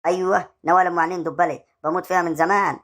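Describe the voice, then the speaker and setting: A man with a high-pitched, fairly bright voice and steady tone plays a boastful middle-aged village man with an Egyptian Arabic accent. The character teases and swaggers, speaking rapidly.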